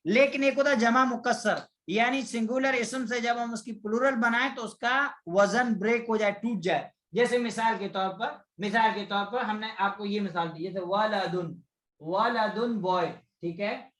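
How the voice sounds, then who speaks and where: A man teaching an online Arabic grammar lesson. He asks questions and answers them himself, and he repeats terms and draws out example words slowly. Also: high voice, fairly bright tone, roomy sound, low-quality recording.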